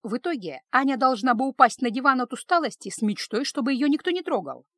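A woman's voice: high voice, fast talker, no echo. Dramatic woman storyteller. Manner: expressive, dramatic reading. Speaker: narrator. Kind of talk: storybook narration.

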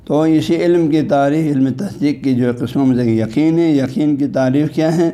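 A religious scholar teaches in a very dark, mellow male voice, unhurried and explanatory. He often pauses to check in with his listeners. He slows down when he recites Arabic scripture and technical terms. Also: a little high, soft background music. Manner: patient, explanatory, repeats "haan ji" to check on listeners. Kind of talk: religious lecture.

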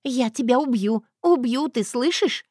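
A woman voicing a frightened, whiny and quick-tempered young wife in an audiobook, with high tearful complaints. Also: lively intonation, a little mellow, dry recording, studio quality. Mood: indignant. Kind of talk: audiobook character voice.

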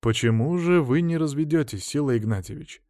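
A man doing a quiet, wry investigator. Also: medium pitch, lively intonation, brisk, no room sound, clean studio sound, voice pushed up, lightly acted. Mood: probing. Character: calm, probing male private investigator.

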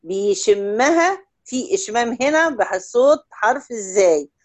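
A woman with an Egyptian Arabic accent teaching Quran recitation one-on-one, stretching example words out slowly and checking in often with short questions. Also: on the high side, animated. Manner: drawls out example words slowly to demonstrate sounds. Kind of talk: one-on-one tajweed lesson.

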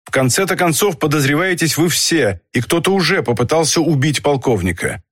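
Man reading a stern authoritative inspector, measured delivery, dry sound. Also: on the high side, expressive, a bit bright, husky, no room sound. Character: middle-aged male police inspector, stern.

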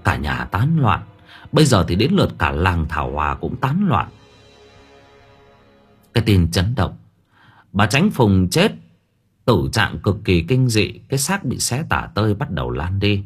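Audiobook narrator, male, very deep and husky, lively earthy delivery. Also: measured pace, pauses often, soft background music. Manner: colloquial, crude and vivid. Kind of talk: storytelling narration.

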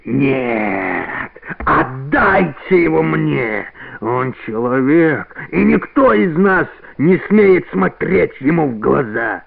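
A man voicing a hateful, menacing male tiger in a radio play, with a gravelly, snarling delivery on a narrow-band old radio recording. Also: very animated, takes it slowly, exaggerated voice. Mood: snarling, demanding. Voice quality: gravelly, growling. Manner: snarling, demanding, wide swings of pitch.

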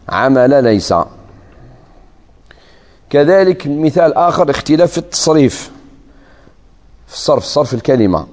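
A man with an Algerian accent giving a religious lesson, reciting verses slowly and explaining them in quick colloquial asides. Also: mid-range voice, darkish tone. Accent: Algerian Arabic. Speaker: Islamic scholar teaching Quranic sciences. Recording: long hall reverb.

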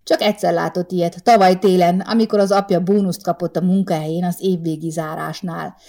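A woman narrating a short story in an expressive, steady storytelling manner. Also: fairly low pitch. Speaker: audiobook narrator. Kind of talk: scripted narration.

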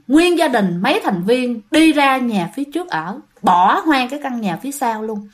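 A woman with a Southern Vietnamese accent telling a ghost story, animated and often addressing her listeners directly. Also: fairly high pitch.

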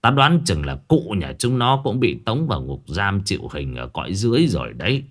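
Guy putting on a grumpy old ghost-buster grandpa, low voice. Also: very animated, unhurried, bright, forceful tone, heavily acted. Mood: grim. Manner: gruff, scolding, curses. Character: stern old male village exorcist.

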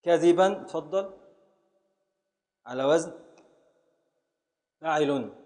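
A man's voice: a little high, slow, mellow, in a large hall. A man teaching a class in Egyptian Arabic, patiently repeating and scanning words aloud and calling on his students. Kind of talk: classroom lesson on Arabic prosody and grammar.

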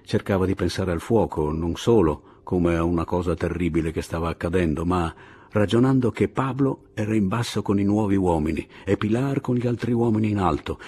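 A man reading a novel aloud in a measured, dramatic narration. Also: fairly low pitch, a little mellow, husky. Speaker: audiobook narrator. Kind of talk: literary audiobook reading.

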